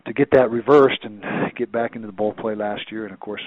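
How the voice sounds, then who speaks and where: A man with a deep, husky voice fields reporters' questions as a college football coach. He rambles, restarting sentences and leaning on fillers. The sound comes through a tinny phone line. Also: fairly even intonation, brisk, no room sound. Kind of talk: press teleconference answers.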